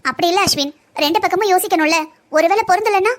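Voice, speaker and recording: A woman's voice: very high-pitched, fast talker. A woman voicing a worried young bride-to-be who presses anxiously for answers in a cartoon drama.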